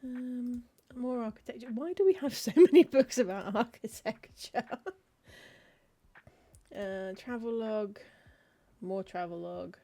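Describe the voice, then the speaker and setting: A woman's slightly high, warm voice drifts unhurriedly, pausing often, as she streams a cozy game. She casually reads game text aloud, working through book titles with wry little comments.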